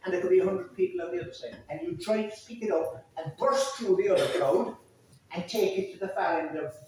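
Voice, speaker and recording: A man's voice: sits high, animated, brisk, a little mellow. A middle-aged man with a Cork Irish accent, chatting and rambling informally as a storyteller to an audience. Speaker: traditional storyteller hosting a library event. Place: indoors in a library, audience room. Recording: echoey room from far off, faint noise.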